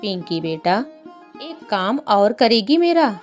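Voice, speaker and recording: Woman playing a soft-spoken fretful mother bird, slow and gentle, light music behind. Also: mid-range voice, big pitch swings. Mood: worried. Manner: soft, anxious, pleading. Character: worried gentle mother bird, middle-aged.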